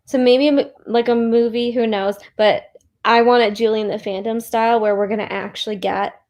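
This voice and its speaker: A woman's voice: a little high, a little fast. Sleepy young woman co-host. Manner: sleepy, relaxed, laughs easily. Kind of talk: casual livestream book chat.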